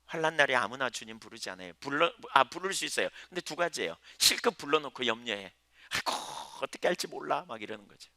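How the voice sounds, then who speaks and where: A man's voice: medium pitch, animated, fast talker, hardly any pauses, pushed and bright, no echo. A male pastor preaching a sermon in a conversational way, asking his listeners questions, letting his voice swell and then drop almost to a whisper.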